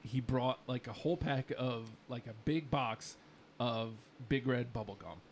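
A man's voice: mid-range voice, a little hiss or hum. A young man in his twenties co-hosting a casual podcast, telling a loose story with swearing and asides. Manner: laid-back, swears, quick asides. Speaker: podcast co-host. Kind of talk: casual chat.

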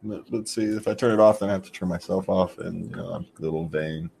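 A man's voice: sits low, fairly even intonation, fast talker, vocal fry, darkish tone, slight background noise. A man co-hosting a casual live stream, joking and laughing a lot, then talking thoughtfully about self-analysis. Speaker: livestream co-host. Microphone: on camera, controls the board.

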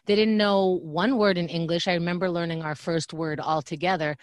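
Guesting on a casual podcast, a woman from Israel who grew up in New York tells stories animatedly and says "like" a lot. Her voice is on the low side and brisk, captured in a dry, clean studio recording.

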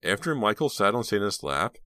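Lifted well above his own low register, this is a man doing an earnest teenage girl sleuth in an audiobook, intense and insistent, her lines swinging widely in pitch. The sound is dry and close. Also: big pitch swings, a little fast, a bit bright, dry recording. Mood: urgent. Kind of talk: audiobook character voice.

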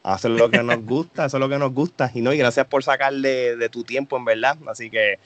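A man hosting a wrestling podcast, friendly and quick with affirmations. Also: mid-range voice, steady tone, fairly bright tone. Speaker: podcast host. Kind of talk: casual interview.

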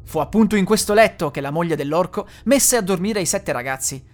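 An expressive fairy-tale storyteller. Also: medium pitch, fairly quick.

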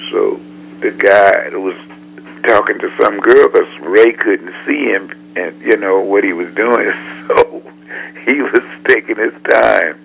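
An older man, a veteran musician, telling stories slowly in an interview and clearing his throat. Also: fairly low pitch, fairly bright tone, a little hiss or hum, low-quality recording. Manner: slow, throat-clearing storyteller. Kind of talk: storytelling in an interview.

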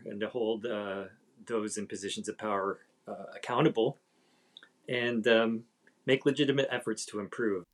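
A man, a theater collaborator, talking in a measured, reflective way with many fillers. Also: lowish voice. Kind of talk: casual video-call conversation.

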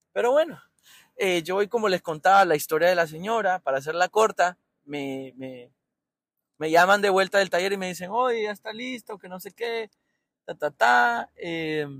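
A podcast host in his thirties with a Honduran Spanish accent talks from inside his car while waiting in line, thinking aloud in an anxious, rambling way. His voice is a little high and fairly bright, with no room sound.

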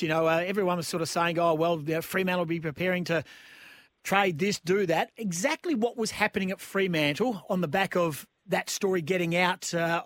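An Australian man hosting a sports radio show, asking a guest questions in a brisk, conversational way. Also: high voice, fairly bright tone, no room sound. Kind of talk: radio interview.

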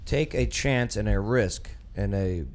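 A man's voice: lowish voice, a little slow, a little mellow. A man with a New York accent hosting casual talk radio, rambling with lots of fillers and restarts. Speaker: radio show host.

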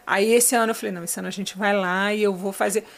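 Fast-talking chatty woman. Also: medium pitch, steady tone, creaky. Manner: quick, chatty, explains eagerly. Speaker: guest. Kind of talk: casual podcast chat.

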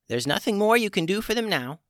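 A brisk, unflappable old witch woman with a lively voice that climbs high, as a man puts her on for a storybook. She talks in a plain matter-of-fact way, recorded dry and close. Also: no echo.

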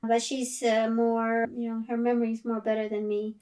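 A woman's voice: fairly high pitch, monotone, moderate pace, darkish tone, distant mic. A middle-aged woman from Vietnam, a guest speaking hesitantly with fillers. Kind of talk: casual family interview.

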